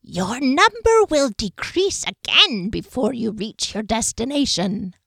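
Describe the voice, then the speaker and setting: A woman voicing a patronizing male wizard diviner with a nasal, sibilant voice and slow, knowing pronouncements. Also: fairly high pitch, very animated, creaky, fairly bright tone, dry recording, studio quality, voice pushed up, exaggerated voice.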